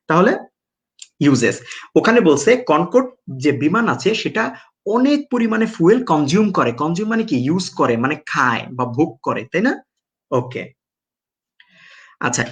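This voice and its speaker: Bangladeshi guy teaching english spelling, bit high voice, asks and answers his own questions. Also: a bit bright. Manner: asks the class questions and answers them himself; spells words out slowly, syllable by syllable. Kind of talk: exam-prep lecture.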